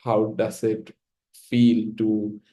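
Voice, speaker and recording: A young man with a South Indian accent speaks in a fairly low, relaxed voice. His pitch stays within a narrow, even range as he talks casually and reflectively about himself, often pausing mid-sentence. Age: young adult. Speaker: interview guest. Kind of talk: reflective personal storytelling in casual talk.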